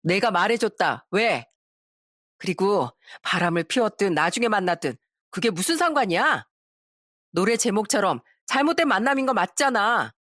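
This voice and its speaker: A woman's voice: medium pitch, animated, moderate pace, a bit bright, no echo, clean studio sound. A woman voicing an angry, loyal young female friend who scolds indignantly.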